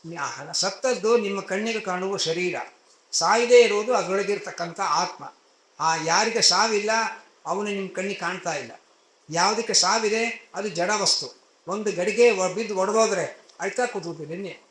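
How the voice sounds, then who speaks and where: A man's voice: sits high, normal speed, a bit bright. A man voicing a proud male demon king who scornfully lectures his grieving family, recorded in an echoey hall.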